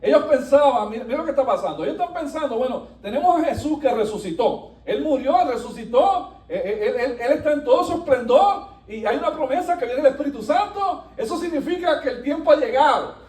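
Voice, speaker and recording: A male pastor preaching a sermon with animated delivery, swinging between soft passages and emphatic, rising lines. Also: very high-pitched, brisk, hardly any pauses. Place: church sanctuary. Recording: echoey room, voice from a distance.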